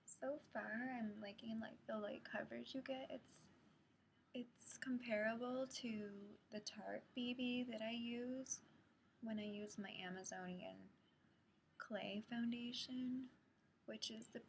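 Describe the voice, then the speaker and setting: Young woman whispering a makeup demo late at night, a bit stuffy from a cold; gravelly texture, faint hiss. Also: fairly high pitch. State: has a cold, sniffly. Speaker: beauty vlogger. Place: home at night, others asleep.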